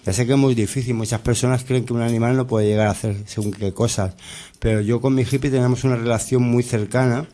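A man telling casual stories in an interview, rambling and halting, with many restarts and tag questions. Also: medium pitch, steady tone, warm tone. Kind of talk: casual storytelling.

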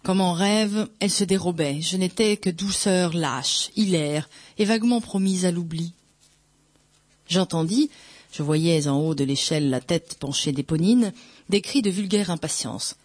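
Brief: audiobook reader, mid-pitched, unhurried first-person narration of a dark novel. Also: no echo.

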